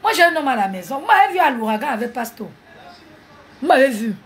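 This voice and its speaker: High, lively woman scolding. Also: quick pace, a little hiss or hum. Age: 40s. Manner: mocking, scolding, animated. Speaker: live streamer. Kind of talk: heated live-stream rant.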